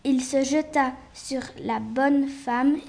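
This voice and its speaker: Slow, careful woman reading a fairy tale. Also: sits high, steady tone, gravelly, a little mellow.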